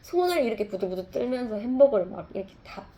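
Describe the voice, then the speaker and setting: A woman's voice: mid-range voice, moderate pace, gravelly, warm tone, a little hiss or hum. A woman, a mother, telling a reflective personal story in a confessional, rambling way, full of fillers and restarts. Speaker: mother sharing a testimony.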